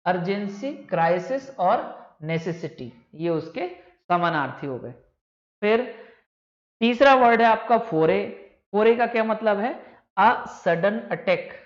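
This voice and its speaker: A man teaching a vocabulary lecture to exam students, explaining patiently, repeating key words and calling his students "beta". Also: sits high. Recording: echoey room, dull lo-fi sound.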